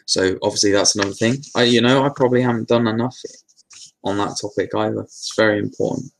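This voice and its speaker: A man with a lowish, gravelly voice, talking through viewer questions in an easygoing live Q&A. He wanders a little, restarts sentences and leans on plenty of fillers. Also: quick pace. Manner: relaxed, meandering, with many fillers and restarts. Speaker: host answering viewer questions. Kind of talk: casual live Q&A talk.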